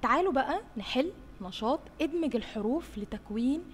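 A woman teaching young children in an Egyptian Arabic accent, slowly sounding out letters and praising them often. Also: high-pitched, animated. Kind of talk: slow drawn-out phonics lesson for young children. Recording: roomy with long reverb, faint hiss.

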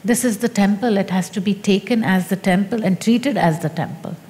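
Woman teacher talking slow n emphatic about spirit stuff, mellow lowish voice, long reverb. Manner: slow, deliberate, emphatic phrasing.

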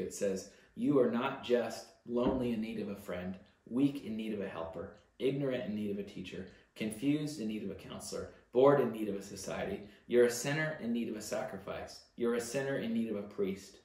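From across a heavily echoing church library room full of bookshelves, a far camera captures a middle-aged pastor preaching. His voice is lowish with a darkish tone, and he sounds earnest as he presses his key words.

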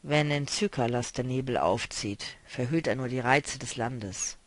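A man reading a novel aloud, voicing a weary, melancholy male traveler who speaks quietly and broodingly. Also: mid-range voice, a little slow, no room sound, voice pushed down, close to an everyday voice.

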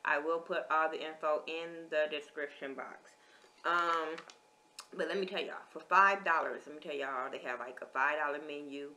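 A woman's voice: low-pitched, steady tone, moderate pace, bright, forceful tone. A woman vlogger, chatting casually as she lists menu items and reviews food. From American.

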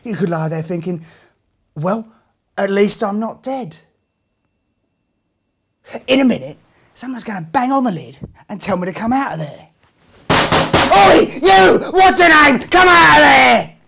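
A man's voice: very high-pitched, lively intonation, a little slow, creaky, long pauses, sharp tone, breathy edge, heavily acted. An actor in his thirties playing a chatty, musing Cockney gangster in a dramatic monologue, wry and conversational. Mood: animated, then shouting. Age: 30s. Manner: conversational, musing, swinging between muttering and exclaiming.

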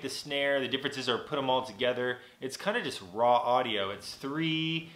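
Streaming live from his small home recording studio, a vlogger and mixing engineer in his forties chats loosely with viewers, rambling and relaxed, with plenty of ums and restarts. His medium-pitched, nasal voice has a bright, forward edge. The camera mic on the desk gives poor audio, and the room rings with reverb.

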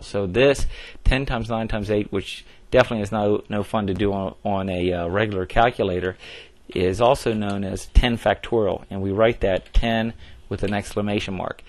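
A man's voice: on the low side, dry recording. A man teaching a recorded math lesson, explaining step by step in a plain way with frequent fillers and restarts. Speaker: math instructor.

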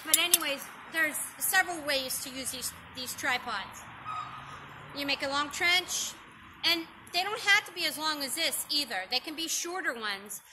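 A middle-aged woman with a high, expressive voice talks at normal speed through an outdoor open-fire cooking demonstration, explaining each step with frequent ums. She's picked up by a camera on a stand a few meters away in a grassy yard, with background noise.

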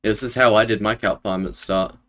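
A man's voice: lowish voice, fairly even intonation, fairly quick, fairly bright tone. A young man chatting casually with viewers while streaming a game from home, laid-back and full of fillers. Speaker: Minecraft streamer. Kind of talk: casual live-stream gaming chat. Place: home room, indoors.

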